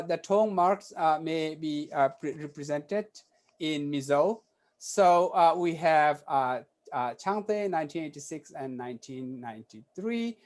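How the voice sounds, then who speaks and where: A man giving an academic conference talk, halting and filling pauses with many "uh" sounds. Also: on the high side. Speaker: conference presenter.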